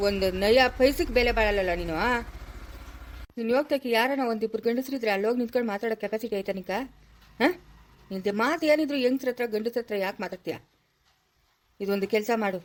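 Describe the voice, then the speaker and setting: Old grandpa in a village drama, scolding and bossy, fast and high-voiced, played by a woman. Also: close to an everyday voice. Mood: stern. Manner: scolding, then soothing. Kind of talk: family drama skit.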